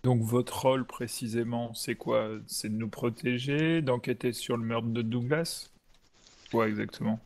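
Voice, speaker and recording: A man's voice: mid-range voice, fairly even intonation, a little slow, a little mellow. A man playing a tabletop game, asking direct, probing questions of a character. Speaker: player.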